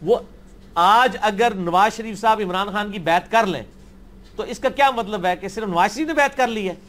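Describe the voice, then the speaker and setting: Man, high voice, blunt and argumentative scholar fielding questions. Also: fairly bright tone. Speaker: religious scholar answering questions. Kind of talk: question-and-answer session.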